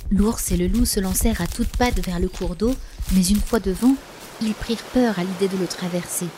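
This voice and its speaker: A woman narrating a children's story in a gentle, expressive scripted reading. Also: medium pitch, normal speed, music in the background.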